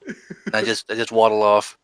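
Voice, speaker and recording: A man's voice: fairly low pitch, completely flat delivery, moderate pace, clear, resonant tone, dry recording, rough recording. A man speaking as a player in a tabletop role-playing game, dry and offhand. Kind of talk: casual tabletop role-play.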